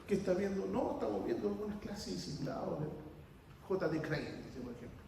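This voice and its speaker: A man's voice: sits high, expressive, fairly quick, gravelly, warm tone, slight background noise. A man preaching a sermon, emphatic and repeating key words, asking rhetorical questions. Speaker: guest pastor. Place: church. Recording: roomy church hall, distant mic.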